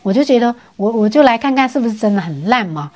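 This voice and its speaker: A talkative woman tells stories to the camera in a relaxed vlog. Her voice sits a little high, and she retells conversations by speaking the other people's lines herself. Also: fast. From mainland China. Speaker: vlogger. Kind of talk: casual storytelling vlog.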